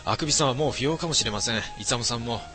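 A man's voice: medium pitch, very fast, pushed and bright, faint music behind. A middle-aged man streaming late at night, reading viewer comments aloud in a casual, mumbling way with many fillers.

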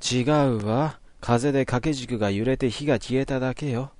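A man's voice: mid-range voice, normal speed, no echo, close to an everyday voice. A man reading as a stubborn, level-headed young woman. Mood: insistent. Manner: calm, matter-of-fact insistence.

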